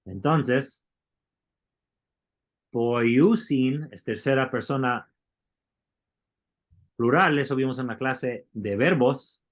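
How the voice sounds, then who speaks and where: A man's voice: medium pitch, slow pace, pauses often. A man teaching a Bible Greek class, explaining step by step and asking the students questions. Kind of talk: classroom lecture.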